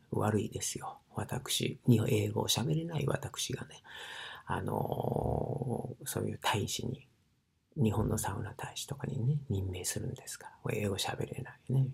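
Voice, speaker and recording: A man with an Osaka dialect talks in a loose, rambling monologue, his voice very husky and gravelly. His tone is mellow yet lively, rising and falling a lot. He pads his talk with fillers and often slips down to a breathy near-whisper. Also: fairly low pitch, measured pace. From Osaka, Japan. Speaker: sauna ambassador. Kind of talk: casual monologue.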